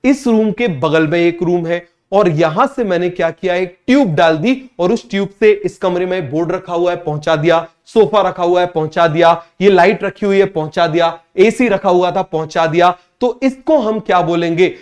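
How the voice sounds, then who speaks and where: Male coaching-class teacher with a slightly high voice; drills students with repeated questions and stretches out key terms. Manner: repeats every point and asks students to call out answers; drawls key English terms slowly. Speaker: biology teacher.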